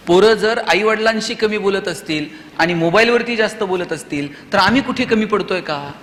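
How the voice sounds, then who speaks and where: Man, motivational speaker, bright forceful tone, rhetorical questions, long hall reverb. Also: high voice. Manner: oratorical, asks the audience rhetorical questions. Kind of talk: public motivational speech. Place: stage in a hall before young students.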